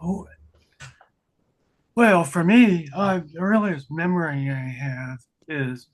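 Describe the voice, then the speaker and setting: An older man talks slowly and unhurriedly, pausing with fillers as he recalls things. His voice sits a little higher than most men's. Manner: relaxed, unhurried, hesitant with fillers. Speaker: conference participant. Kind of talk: casual sharing in a workshop.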